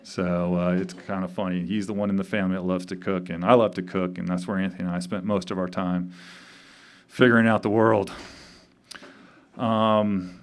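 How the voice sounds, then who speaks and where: A man in his fifties, grieving, giving a halting memorial speech full of pauses and fillers at a tavern gathering. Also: low voice, little pitch movement. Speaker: eulogy speaker. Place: tavern event.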